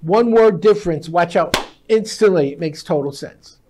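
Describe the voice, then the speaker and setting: The guest expert, a male speed reading teacher in his sixties, has a high-pitched, darkish voice and a moderate pace, with slight background noise. Using a lapel mic at a glass desk in a TV-style studio, he teaches emphatically in short declarative statements.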